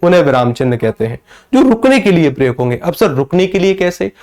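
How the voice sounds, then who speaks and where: High-voiced male teacher. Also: very animated, fast, darkish tone. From northern India. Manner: repetitive, asks and answers his own questions; greets and answers viewers by name. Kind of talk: live online grammar lecture.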